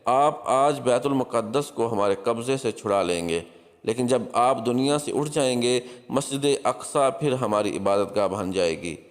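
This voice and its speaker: Voicing a captive crusader spymaster in a storybook story, this man uses a mid-range, lightly acted voice at a moderate pace. His delivery is solemn and declamatory, coolly defiant and prophetically ominous, with emphatic address echoing through long, hall-like reverb.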